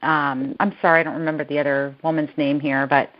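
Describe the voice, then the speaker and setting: Blunt low-voiced woman calling in. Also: little pitch movement, fairly quick, dull audio. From Florida. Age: 30s. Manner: blunt and outspoken. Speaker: caller. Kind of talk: casual conference call chat.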